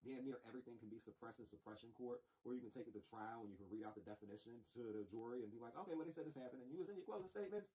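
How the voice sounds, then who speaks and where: A man's voice: medium pitch, racing, hardly any pauses, mellow, rough recording. A man giving blunt, profane political commentary on a live news stream, repeating phrases for emphasis.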